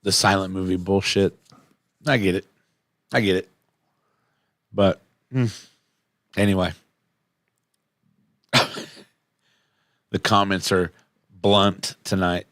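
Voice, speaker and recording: A man with a fairly low voice talks loosely on a podcast, circling back and restarting his sentences. He swears freely in a casual chat. The sound is dry and close to the mic. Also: fairly even intonation, takes it slowly, long pauses, a bit bright, no echo. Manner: rambling, with frequent restarts and swearing. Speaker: podcast co-host.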